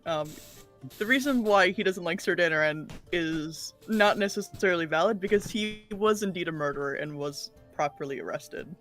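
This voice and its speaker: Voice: medium pitch, normal speed, fairly bright tone, soft background music. A player in a tabletop game, teasing the others and recapping the last session in a rambling way with many fillers. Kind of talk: casual chat and session recap.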